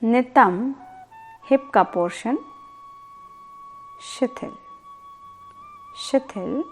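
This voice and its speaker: Her voice sits high as she, a yoga instructor, talks listeners toward sleep with faint music behind her. The delivery is calm, soothing and deliberate, full of pauses and repetition.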